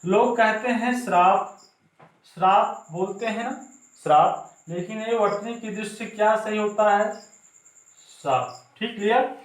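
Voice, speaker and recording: A man's voice: sits high, steady tone, a little slow. A man teaching a spelling lesson, repeating each word and asking the class for answers in a call-and-response way. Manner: repetitive call-and-response quizzing. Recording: echoey room, mic at a distance.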